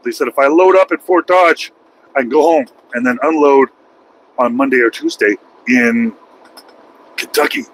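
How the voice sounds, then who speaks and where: An American man in his forties talks his way through a night drive in his truck cab, rambling and poking fun at himself. His voice sits at an ordinary middle pitch, and a faint hum of road and engine noise runs underneath. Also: moderate pace, long pauses, low-quality recording. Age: 40s. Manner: rambling, self-mocking, joking. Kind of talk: casual vlog monologue while driving.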